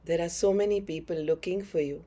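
Speaking a little fast, this middle-aged woman uses a lowish, mellow voice with fairly even intonation as she coaches an online yoga class. Her North Indian accent carries brief, upbeat directions, and the webcam frames her head and shoulders as she faces it.

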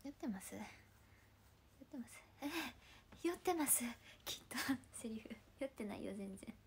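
Brief: young woman streamer, playful and chatty, slightly high voice, soft murmured asides, faint background noise. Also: lively intonation, normal speed, vocal fry. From Ibaraki, Japan. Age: 20s. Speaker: idol livestream host. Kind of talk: casual livestream chat.

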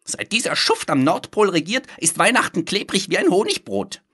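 Ein schriller, theatralischer kleiner Kerl, der in hoher, heller Stimme empört schimpft und spöttisch singt. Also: male voice, wildly swooping pitch, normal speed, bright, forceful tone, slightly rough, heavily acted. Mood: indignant. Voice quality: shrill, singsong. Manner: indignant, mocking, sings and drawls in a falsetto. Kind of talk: audiobook character voice.

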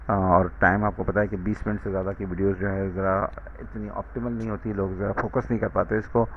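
A man's voice: on the low side, creaky, a little hiss or hum. A man giving a recorded university lecture, talking students through a circuit problem with many uh fillers. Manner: code-switching into English, frequent uh fillers, direct address to students. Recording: dull lo-fi.

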